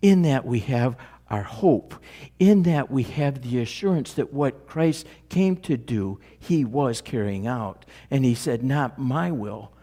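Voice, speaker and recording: A man preaching a sermon, dramatic in his delivery and dropping to a near hush at key moments. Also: mid-range voice, expressive, a little slow. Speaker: pastor.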